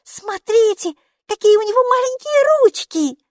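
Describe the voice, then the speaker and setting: A woman voicing an excited little girl who speaks in high, breathless exclamations in an audiobook. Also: normal speed, no room sound, studio quality. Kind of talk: audiobook character voice.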